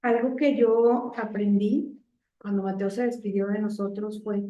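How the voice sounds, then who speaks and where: A woman's voice: mid-range voice, fairly even intonation, measured pace, highs cut off. A woman giving an impassioned religious testimony, pleading and asking rhetorical questions. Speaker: lay preacher. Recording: echoey room.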